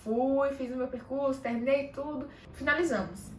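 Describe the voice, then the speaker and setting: A woman vlogger telling a personal story in a casual, animated way, acting out bits of dialogue. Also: high-pitched, moderate pace, a little hiss or hum. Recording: echoey room, mic a bit far off.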